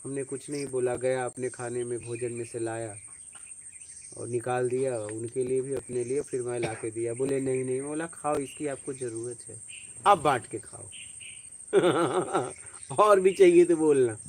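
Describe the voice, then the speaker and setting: A man's voice: medium pitch, fairly even intonation, measured pace, a little hiss or hum. A man giving an informal spiritual talk, telling personal stories and often checking that his listeners follow. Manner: conversational, tells personal stories, asks listeners if they follow. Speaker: spiritual teacher.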